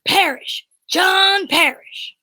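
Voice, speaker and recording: Heavily acted and extremely slow, a woman performs an excitable, flustered police inspector for an old-fashioned radio mystery. Her voice is piercingly high and sharp, the recording dry with no echo, and the delivery melodramatic and agitated.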